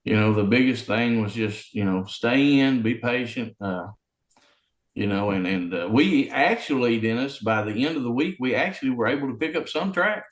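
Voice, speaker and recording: A man who works as a city public works official, speaking in an interview over a remote conference call that keeps breaking up. He talks haltingly, with lots of fillers and restarts. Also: mid-range voice, lively intonation. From Arkansas. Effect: remote conference call audio that breaks up. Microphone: video call. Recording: roomy sound over a breaking-up call line.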